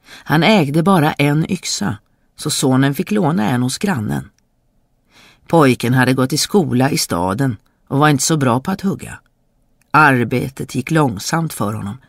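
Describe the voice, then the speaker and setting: A narrator reading a fairy tale aloud in a steady storybook manner. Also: mid-range voice, creaky, no echo, studio quality.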